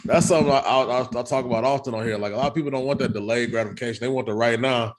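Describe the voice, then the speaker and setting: A man hosting a podcast, talking in a relaxed, conversational way and often saying "you know". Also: mid-range voice, very fast. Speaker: podcast host.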